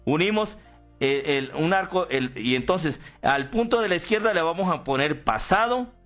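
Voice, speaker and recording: A man's voice: on the high side, moderate pace, faint music behind. Man preaching over dull radio audio. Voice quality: animated teaching, rhetorical questions. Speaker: priest. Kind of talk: sermon.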